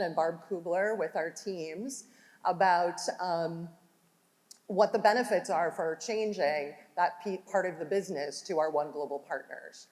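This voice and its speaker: A woman with a low voice hosts a question-and-answer session at a business conference. She talks in a loose, conversational way with plenty of ums, and her voice carries a long hall echo. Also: a little mellow. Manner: conversational, filler-heavy. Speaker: panel host. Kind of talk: corporate panel Q&A. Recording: hall reverb from room mic.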